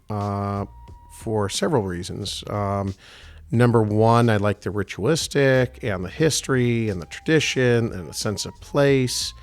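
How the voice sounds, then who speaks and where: A middle-aged winemaker from Houston, Texas, with a faint Texan accent, chats casually as an interview guest, rambling through stories with plenty of fillers. His voice is mid-range and smooth.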